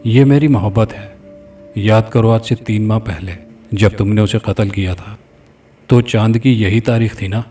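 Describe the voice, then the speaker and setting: A man's voice: fairly low pitch, steady tone, warm tone, breathy edge. A man voicing a menacing male spirit that has possessed an old father, speaking coldly and threateningly. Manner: cold, threatening. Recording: distant mic, faint background music.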